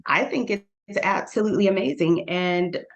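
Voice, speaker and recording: A woman's voice: mid-range voice, moderate pace, highs cut off, a little hiss or hum. A middle-aged woman on a podcast, chatting casually and telling stories with acted-out quotes and frequent laughter. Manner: animated storyteller who acts out quotes and laughs often. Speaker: guest.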